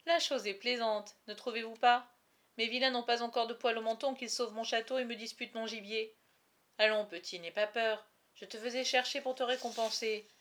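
A woman reading aloud, voicing an impetuous young medieval lord who speaks loudly and directly. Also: medium pitch, brisk, lightly acted.

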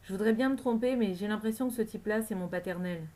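A woman's voice: mid-range voice, fast, darkish tone, natural voice. A woman reading the lines of a hesitant young male gang member who hedges and mumbles. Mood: uneasy.

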